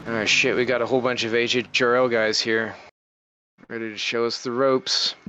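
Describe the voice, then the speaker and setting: A man's voice: mid-range voice, little pitch movement, normal speed, sharp tone, dull audio. A man in an online racing league, chatting over group voice chat and making easygoing, joking remarks to the other drivers. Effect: heard over group voice chat. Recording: noisy voice chat line.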